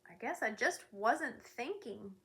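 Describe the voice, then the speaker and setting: A woman's voice: a little high, animated, slow. A woman voicing a curious, unsure young boy in a storybook reading, apologetic and wondering.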